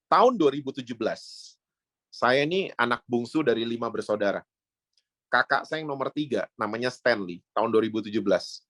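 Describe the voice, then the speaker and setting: A middle-aged male pastor with an Indonesian accent preaches in a storytelling way, slipping English phrases into his talk. His voice sits at an ordinary pitch and leaps up high when he quotes people. The sound is close and dry, with hardly any room on it. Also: fairly bright tone, no room sound. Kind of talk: sermon. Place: church sanctuary.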